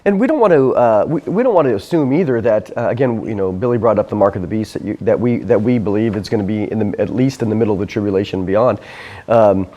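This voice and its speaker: A man hosting an interview speaks casually, often chiming in with quick words of agreement. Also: lowish voice, mellow, muffled recording. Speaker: host. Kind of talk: conversational interview discussion.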